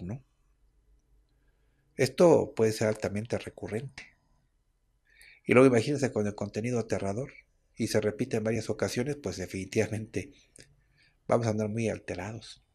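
A Mexican radio host explains herbal medicine from a radio studio, chatting casually and often adding tag questions to get his listeners to agree. His voice is low, creaky, husky, and somewhat dark in tone.

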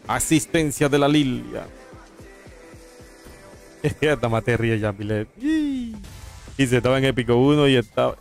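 A man with a Panamanian accent giving live esports commentary, calling plays and teasing the chat between them. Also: medium pitch. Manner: playful, teasing chat with viewers between play-by-play. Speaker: esports caster.

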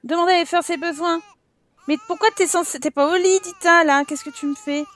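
A high-pitched woman from France narrates her life-simulation game playthrough. She talks to the characters on screen in a chatty, lively way, exclaims at what they do, and laughs often. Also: a little fast. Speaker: gaming YouTuber. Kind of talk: Let's Play commentary.

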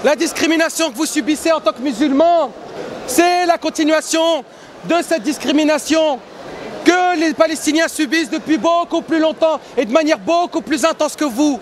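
A man campaigning loudly to passers-by, shouting and insistent, recorded in a busy indoor exhibition hall. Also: very high voice, normal speed. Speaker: activist haranguing passers-by. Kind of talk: street campaigning speech. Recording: crowd and noise behind.

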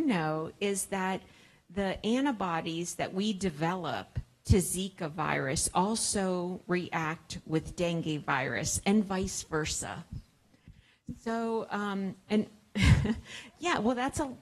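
Middle-aged woman explaining to an audience. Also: on the low side. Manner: plain, explanatory, with thoughtful fillers. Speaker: public health expert answering audience questions. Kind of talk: science cafe Q&A. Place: large indoor museum hall with seated audience. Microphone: handheld microphone.

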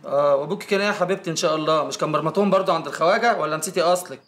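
An actor playing a mocking, sarcastic ex-husband with an Egyptian accent in a TV drama. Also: male voice, a little high, racing, fairly bright tone, lightly acted.

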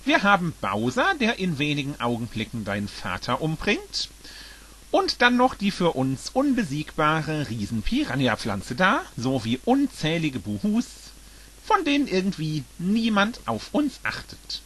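A man's voice: fairly high pitch, huge pitch swings, measured pace, fairly bright tone, breathy edge, full character voice. A man voicing Yoshi, a fretful dinosaur. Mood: worried. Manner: fretful, reasoning aloud. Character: anxious male dinosaur, worried and helpless.

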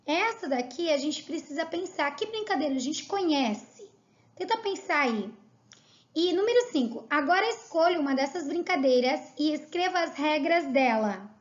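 A woman with a Brazilian Portuguese accent, teaching a recorded lesson and reading words out slowly and clearly. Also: high-pitched, lively intonation, lo-fi sound. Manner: slow, clearly spelled-out dictation of words.

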